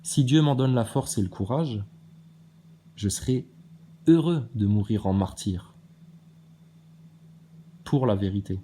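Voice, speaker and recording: A man's voice: fairly low pitch, lively intonation, takes it slowly, long pauses, warm tone, slight background noise. A man giving a ranting monologue to his commenters, combative and preachy with a sarcastic edge. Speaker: video maker answering viewer comments.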